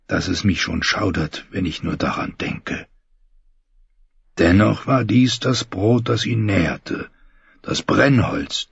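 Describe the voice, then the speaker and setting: A man reading a dark fantasy audiobook in a slow, grave storytelling manner. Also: deep voice, creaky, husky, no echo. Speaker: audiobook narrator. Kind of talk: scripted narration. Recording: dull muffled recording.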